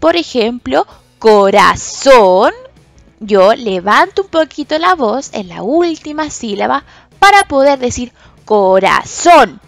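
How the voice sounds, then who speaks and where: Patient woman teaching children, lively voice. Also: sits high, vocal fry, no room sound, soft background music. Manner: slow, patient, stresses syllables loudly and drawn out when giving example words. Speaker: special education teacher. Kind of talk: recorded lesson for children.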